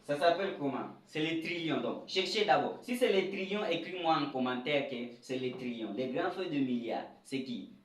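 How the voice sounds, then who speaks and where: Man, English teacher, lively, drills words aloud, fairly high voice, echoey room. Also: moderate pace. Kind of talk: whiteboard lesson for French speakers. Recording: echoey room, voice a bit far from the mic.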